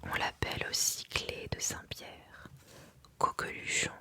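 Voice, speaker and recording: Very slow, bright whispered ASMR reading. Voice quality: breathy, unvoiced whisper. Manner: slow, careful reading with deliberate pauses. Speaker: ASMR reader.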